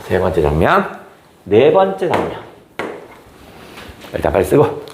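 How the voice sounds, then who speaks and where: A man's voice: sits low, measured pace, creaky, reverberant, background noise. A man teaching a literature lesson and acting out the scenes as he goes. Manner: animated, acts out scenes. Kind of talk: literature lecture.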